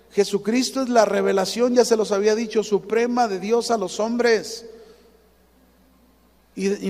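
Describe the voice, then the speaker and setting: A man with a Mexican Spanish accent delivers a sermon in a high, ringing voice. His delivery is dramatic, jumping from loud emphasis to near hush. A long hall reverb trails every line. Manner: dramatic, swings from loud to hushed, acts out quotes. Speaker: preacher.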